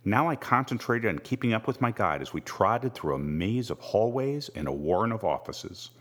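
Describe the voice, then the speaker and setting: A man reading a first-person novel aloud with measured, wry storytelling. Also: fairly low pitch, very animated, fairly bright tone. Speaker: audiobook narrator. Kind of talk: scripted first-person narration.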